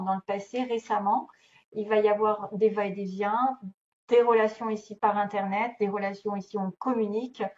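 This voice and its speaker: A woman's voice: medium pitch, a little mellow. A woman doing a casual tarot reading, chatty and thinking aloud with many fillers and small laughs. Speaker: tarot reader. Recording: dull lo-fi recording, faint noise.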